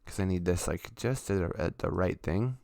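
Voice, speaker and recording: A man's voice: deep voice, moderate pace, gravelly, darkish tone, no echo, clean studio sound. A man chatting casually on a live stream as a musician, talking loosely with lots of fillers. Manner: laid-back, rambling, chatty with fillers.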